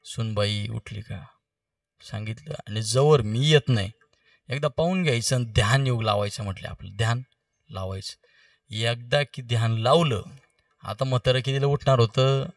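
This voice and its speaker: A man preaching a kirtan, telling a story and quizzing the audience with quick questions. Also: medium pitch, creaky, no echo, studio quality. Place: kirtan gathering. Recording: distant mic with faint music.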